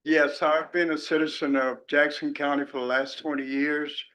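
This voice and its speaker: A man giving a public comment at a county meeting, plain and halting. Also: a little high, little pitch movement, fairly bright tone.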